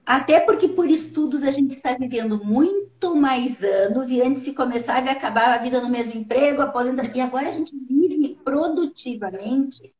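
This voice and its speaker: A woman hosting a casual live-stream conversation, lively and swooping in pitch as she explains. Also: normal speed, hardly any pauses. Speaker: live show host. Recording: roomy, slightly dull live-stream audio.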